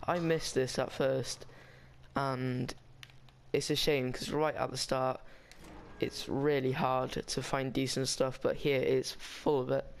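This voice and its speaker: A man's voice: medium pitch, level tone, takes it slowly, vocal fry, slight background noise. A man talking casually over a game walkthrough, rambling and chatty with frequent restarts. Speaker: gaming guide maker.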